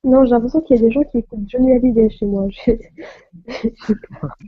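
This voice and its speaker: A woman's voice: on the high side, steady tone, fairly quick, breathy edge, no room sound, phone-quality sound. A woman from France hosting a casual live stream on her phone, laughing often and flustered by technical trouble.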